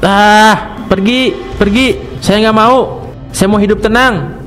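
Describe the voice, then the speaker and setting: A crazed cartoon schoolteacher who rambles, panics and breaks into cackling laughter, voiced by a man. His voice sits high, and soft music plays underneath. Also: fairly even intonation, slow. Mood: terrified. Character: deranged male schoolteacher, scheming then crazed. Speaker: teacher. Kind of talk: cartoon voice acting.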